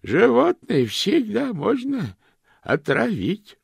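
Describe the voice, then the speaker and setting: A man voicing a tiny, very old aunt who speaks in a slow, prim and quavering way. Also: sits high, wildly swooping pitch, vocal fry, breathy edge, dry recording, studio quality, pitched above the performer's own voice, full character voice. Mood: prim menace. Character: tiny ancient aunt, poisonous, genteel.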